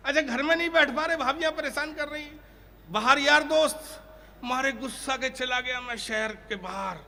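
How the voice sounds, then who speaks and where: A man performs comic poetry at a live poetry gathering, his very high-pitched voice pushed and bright with vocal fry, delivered at normal speed. He chants sing-song refrains and throws jokes to the crowd, and the recording carries echoey hall sound.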